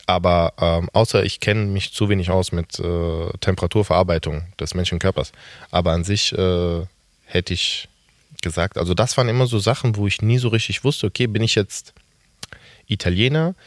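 A man's voice: sits low, steady tone, moderate pace, no echo. A man in his thirties, a guest in a casual podcast conversation, talking candidly and rambling with self-mocking asides. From Germany.

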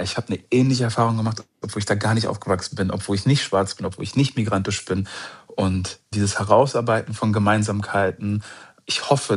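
A man's voice: lowish voice, slightly rough. A man, an author and journalist, answering interview questions in a reflective, searching way with casual slang. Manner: reflective, searching, casual fillers like "halt" and "ey krass". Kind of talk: conversational interview.

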